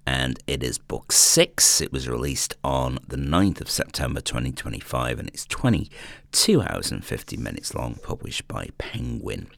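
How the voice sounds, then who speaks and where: A man hosting a radio show, chatting in a relaxed way with the odd um. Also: a bass voice, unhurried, creaky, no room sound. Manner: relaxed, with filler ums. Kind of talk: casual radio chat.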